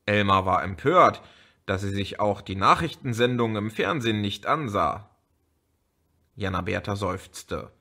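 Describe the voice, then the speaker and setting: A man narrating an audiobook chapter in a measured storytelling manner. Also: lowish voice, animated, pushed and bright. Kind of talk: scripted narration.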